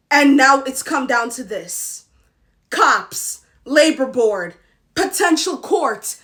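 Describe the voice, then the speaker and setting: Young woman ranting on her vlog, high voice, fired up and emphatic. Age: young adult. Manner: indignant, emphatic. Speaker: tutor. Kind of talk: vlog rant.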